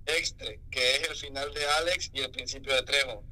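A man's voice: mid-range voice, fairly even intonation, normal speed, sharp tone, low-quality recording. A man with a Honduran Spanish accent, a music artist telling his story candidly in a casual interview.

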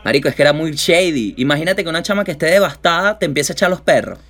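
A man's voice: on the high side, rapid-fire. Venezuelan man telling a slangy story. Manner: lively anecdotes full of slang, acts out quoted voices. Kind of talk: casual chat, storytelling.

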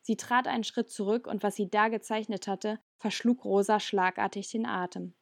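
Calm female audiobook narrator; medium pitch, dry recording. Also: no echo. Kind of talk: scripted narration.

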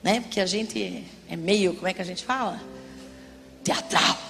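A woman pastor preaching a sermon in an animated, theatrical way, acting out everyday examples. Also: medium pitch, a little slow, gravelly. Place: church service. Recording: long church reverb, music behind.

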